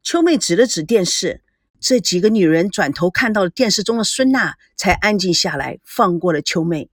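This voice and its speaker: A woman narrating a novel in an expressive storytelling manner. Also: lowish voice, normal speed, dry recording, studio quality.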